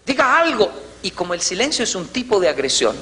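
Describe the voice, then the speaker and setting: A man's voice: high voice, very animated, quick pace, a bit bright, in a large hall, poor audio. A man giving a lecture, telling stories and acting out family scenes. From Colombia. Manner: storytelling, acts out family scenes. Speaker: motivational speaker. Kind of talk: lecture to an audience.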